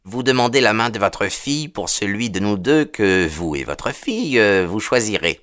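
A man's voice: lowish voice, expressive, normal speed, a bit bright, pitched above the performer's own voice. A man reading an audiobook, voicing an arrogant young man with a raised, insistent voice. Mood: boastful. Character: young man, arrogant elder's son, smug.

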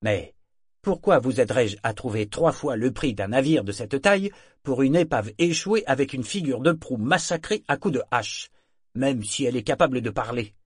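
A man's voice: mid-range voice, animated, moderate pace, slightly rough, no room sound, clean studio sound, pitched above the performer's own voice. A man voicing a skeptical wealthy man with a plaintive, grumbling voice. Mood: complaining.

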